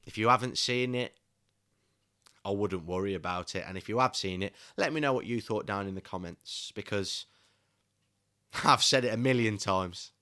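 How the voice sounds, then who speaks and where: Young male film reviewer, lower pitch, passionate and irate. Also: moderate pace, sharp tone. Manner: passionate, increasingly irate ranting. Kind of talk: casual solo video review.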